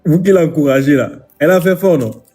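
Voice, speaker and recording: A man's voice: fairly high pitch, lively intonation, a little fast, warm tone. A man talking to camera in a casual vlog, scolding with indignant repetition. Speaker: vlogger.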